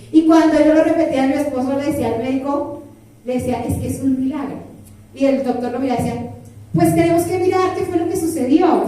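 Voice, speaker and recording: A middle-aged woman preaching a sermon in a lively way, with playful asides and lists that she half sings. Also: high voice. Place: church hall. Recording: very echoey hall, far from mic.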